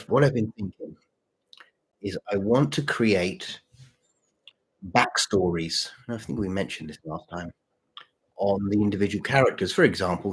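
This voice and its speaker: On a low-quality recording, a channel host who also writes stories chats casually with his livestream viewers. His husky, low voice is deeper than normal from a mild sore throat, and he talks haltingly, going back over phrases.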